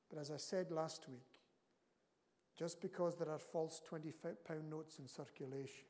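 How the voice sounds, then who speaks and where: A man's voice: fairly high pitch, darkish tone. A man preaching a sermon as pastor of his church, earnest and emphatic, his intensity rising and falling. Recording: long reverb of a church hall.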